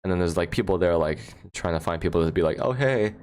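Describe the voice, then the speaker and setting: Casting: low-voiced American man, loose livestream chatter, laughs a lot, phone mic at home. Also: flat delivery, fast talker, darkish tone, a little hiss or hum. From United States. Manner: rambling, laughs often, answers chat questions. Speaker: livestream host. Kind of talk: casual livestream chat.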